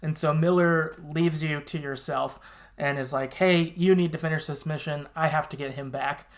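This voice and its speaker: Here a male podcast host speaks at a moderate pace, his voice a little high with fairly even intonation. He recounts a game's storyline casually, using relaxed, occasionally foul language and loose asides.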